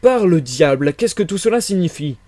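A man's voice: mid-range voice, fairly quick, dark tone, natural voice. A man voicing an irritable, proud invisible man in a read-aloud story, speaking sharply and with exasperation. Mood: exasperated. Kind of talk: audiobook character reading.

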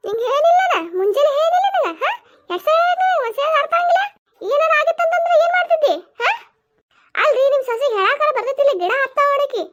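A furious middle-aged cartoon village woman, shrill and very high-pitched, voiced by a woman. She scolds in quick bursts of rhetorical questions. Her voice sits extremely high and the pace stays fast. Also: animated. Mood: furious scolding.

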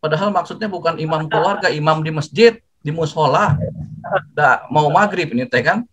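An older man giving a lively, jokey talk to students, acting out greetings as he goes. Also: a little high, normal speed, poor audio. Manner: jokey, animated, acts out greetings. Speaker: guest speaker.

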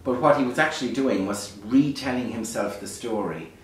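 A man's voice: medium pitch, moderate pace, very echoey. Man, Irish accent, lilting storyteller, reflective casual delivery, distant microphone, faint background noise. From Ireland. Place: beside a small fire in a dark stone hearth. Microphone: distant camera microphone.

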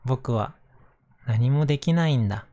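Storybook toy doll, small, timid and lonely, soothing and mellow played by a male reader. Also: mid-range voice, unhurried, lightly acted. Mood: downcast.

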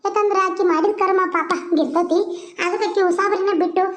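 A woman's voice: very high-pitched, steady tone, fairly quick. A woman cartoon-channel creator giving a chatty, rambling update to viewers.

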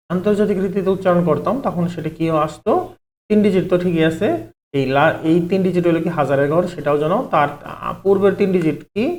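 A man with a fairly high, darkish voice leads an online math lesson step by step, asking questions and supplying the answers himself, with "ঠিক আছে" recurring throughout.

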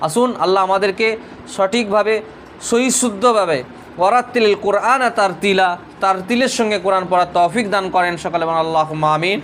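High-voiced man leading a Quran class. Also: fast, fairly bright tone, a little hiss or hum. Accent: Bengali. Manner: leads the class in call-and-repeat drills. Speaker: madrasa teacher.

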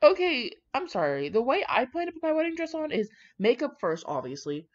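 A fan fiction reader with a high, sing-song voice moves briskly through the text, reading casually and breaking in with brash, sweary, rambling remarks of her own. It sounds like a slightly dull lo-fi home recording.

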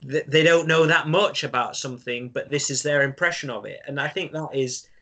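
A man's voice: fairly high pitch, fairly quick, sharp tone. A man who is a secondary school teacher, talking as a guest in a casual conversation, thoughtful and self-deprecating, repeating words as he thinks.

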